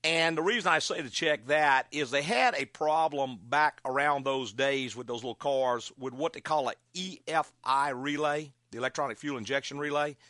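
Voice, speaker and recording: A man's voice: on the high side, normal speed, few pauses, bright, forceful tone, dry recording, clean studio sound. A man hosting a car call-in radio show, giving folksy, courteous mechanical advice in a conversational way.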